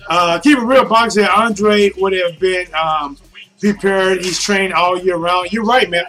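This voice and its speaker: A man's voice: high-pitched, unhurried, bright, forceful tone. A man giving casual, off-the-cuff boxing commentary, talking colloquially and directly to his listeners as a streaming host.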